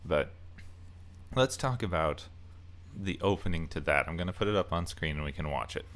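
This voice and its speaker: A video essayist and game reviewer offers casual, loosely scripted commentary full of opinions, rambling a bit and leaning on key words. His voice is low-pitched and expressive at a normal speed, with noise in the background.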